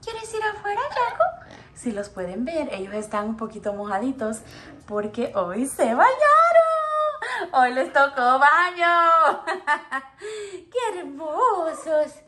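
Woman cooing at her parrots in baby talk, high voice, swoops all over the place. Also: sing-song, slow, sharp tone. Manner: cooing, sing-song, often laughing. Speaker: pet parrot owner.

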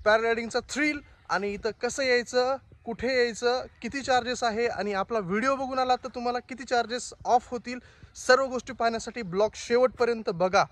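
A young man with a Marathi accent, talking excitedly to a handheld camera outdoors and while paragliding, in a casual travel vlog. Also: very high voice, fairly quick. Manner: energetic, chants slogans loudly mid-flight. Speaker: travel vlogger. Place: outdoors, then in the air paragliding. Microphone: handheld camera at arm's length.

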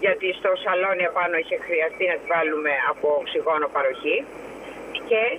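A woman's voice: low voice, fairly bright tone, a little hiss or hum, rough recording. A woman phoning in to a show, agitated and indignant as she recounts a complaint. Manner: agitated, indignant, fast retelling with quoted dialogue. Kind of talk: phone-in interview, recounting a complaint.

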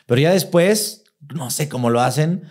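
A man's voice: fairly high pitch, expressive, moderate pace, a little mellow. Laid-back Mexican man telling stories. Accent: Mexican Spanish. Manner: laid-back, slangy storytelling. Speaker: podcast co-host. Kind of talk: casual chat.

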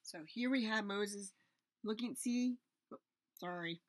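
A woman's voice: medium pitch, slow, a little hiss or hum. A woman in her forties telling a Bible story to children on a webcam from a small room at home, gesturing as she talks. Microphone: webcam at desk distance.

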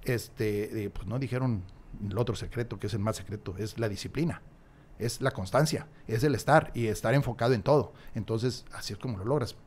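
His voice is fairly low and darkish, and he talks a little fast. This podcast guest gives long answers in a casual conversational interview, acting out small dialogues and repeating key phrases for effect. The recording comes from a large stand-mounted studio mic in a small room, with headphones on.

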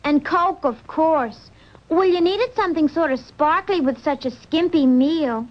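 High-voiced, chatty teenage girl. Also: measured pace. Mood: breezy, mock-innocent. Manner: breezy, mock-innocent understatement. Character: chatty, breezy teenage girl excusing her party. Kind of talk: 1960s TV commercial monologue. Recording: dull vintage TV soundtrack, faint music.

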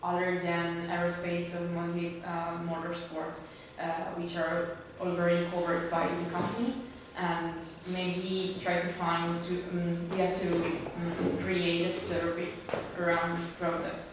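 Halting young woman, flat low voice. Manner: hesitant, halting with fillers. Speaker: student. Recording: echoey room from a distant mic with faint noise.

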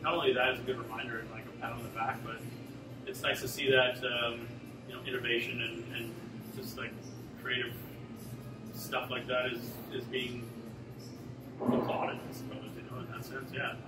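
A brewmaster chats casually in an interview, relaxed and full of fillers, his mid-range voice moving at normal speed with frequent pauses. He's in a brewery taproom with concrete block walls, picked up by a camera mic a few meters away. The room echoes and loud music plays.

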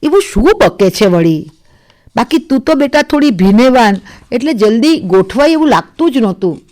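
A woman's voice: fairly high pitch, sing-song, normal speed, darkish tone. A woman voicing a nagging middle-aged mother who scolds her daughter about marriage, in a storybook reading. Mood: scolding. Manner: scolding, exasperated.

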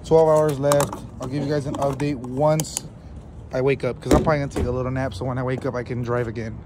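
A man's voice: mid-range voice, level tone, fast talker, heavy background noise. A young man filming a casual road-trip vlog on his phone, loose, profane and joking with friends. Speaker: vlogger. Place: gas station, car and new house. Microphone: handheld phone camera.

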